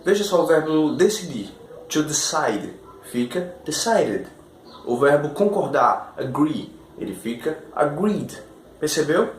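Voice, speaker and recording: An upbeat male teacher with a fairly high voice walks through grammar rules step by step, checking in with the listener as he goes. The sound is roomy, with a faint hum of ambient noise behind him. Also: big pitch swings, takes it slowly. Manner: upbeat, explains step by step, often asks the viewer questions. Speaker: English teacher. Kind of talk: online English lesson.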